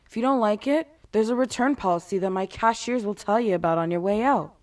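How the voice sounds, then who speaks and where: A woman's voice: mid-range voice, brisk, a little mellow. Blunt, casual woman talking candidly. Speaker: retail worker giving advice to customers.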